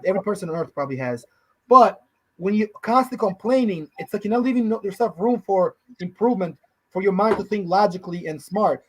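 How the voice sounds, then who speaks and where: High-pitched dude rambling fast on a podcast mic, lots of bro. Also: male voice, a little mellow, poor audio. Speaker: podcast co-host. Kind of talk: casual chat.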